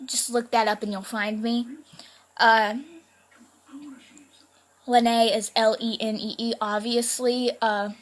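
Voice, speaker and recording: A woman's voice: a little high, level tone, slow, pauses often. A woman YouTuber telling a spooky story in a casual, chatty way, full of fillers like "like" and "kinda".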